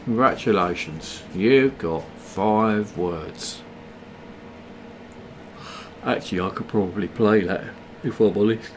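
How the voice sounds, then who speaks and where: A man's voice: on the low side, takes it slowly, pauses often, a little hiss or hum. A tired man, mocking the ads he watches during a late game stream. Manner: sarcastic, mocking. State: tired, yawning. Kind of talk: casual live-stream commentary on ads.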